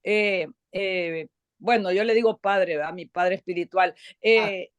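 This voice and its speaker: Hesitant female student on a video call, mid-pitched voice. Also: measured pace. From United States. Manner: hesitant, many fillers. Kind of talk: asking a question on a video call.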